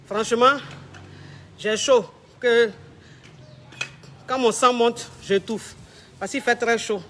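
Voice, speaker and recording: A relationship coach, speaking live from home in a very high, bright, forceful voice. He is a man with a flamboyant and mocking manner, teasing his viewers with theatrical flair. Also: fairly even intonation, slow pace, slight background noise. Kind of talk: live stream chat. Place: at home with family around.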